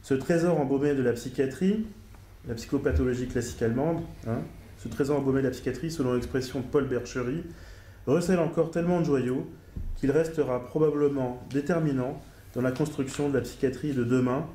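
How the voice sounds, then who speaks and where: A middle-aged psychiatrist speaks on a conference panel in a large lecture hall, giving an academic talk and joining the discussion. He hesitates often, uses many fillers and takes care over foreign names. His voice is medium-pitched and mellow, a little fast, and the hall is echoey with faint noise.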